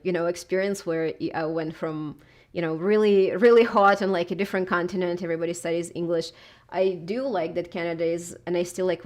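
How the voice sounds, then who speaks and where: A woman in her thirties from southern Russia, with a Russian accent, who chats casually and hesitantly in an interview and fills her talk with many filler words. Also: fairly low pitch. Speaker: YouTuber being interviewed.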